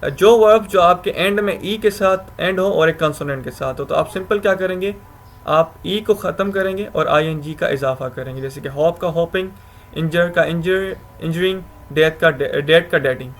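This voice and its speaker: A man's voice: fairly high pitch, normal speed, a little hiss or hum. A man giving a recorded grammar lecture, explaining step by step, often asking himself questions and correcting himself. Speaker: English grammar teacher.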